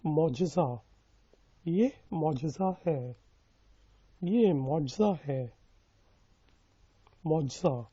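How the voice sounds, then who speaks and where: A man's voice: a little high, lively intonation, pauses often, mellow, slightly rough, no room sound, highs cut off. A man teaching a language lesson, repeating each sentence several times and splitting it word by word before explaining its meaning. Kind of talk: slow, repetitive phrase drilling with explanations.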